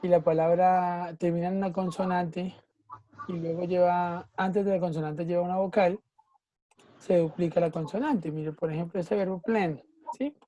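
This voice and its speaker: Patient woman teacher, low mellow voice. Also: steady tone, moderate pace, a little hiss or hum. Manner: patient, checks understanding often with "¿sí?" and "¿listo?". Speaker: English teacher. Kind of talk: online class explanation.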